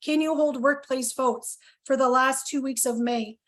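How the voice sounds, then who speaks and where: A woman organizer presenting at a town hall over a video call, earnest with many pauses and fillers, losing her voice. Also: sits high, fairly even intonation. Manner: earnest, lots of ums and questions. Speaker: health coalition organizer.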